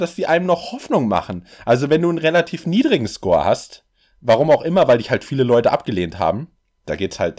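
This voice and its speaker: A man co-hosting a casual podcast, explaining things in long, animated stretches with frequent restarts and bursts of laughter. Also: on the high side. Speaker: podcast co-host.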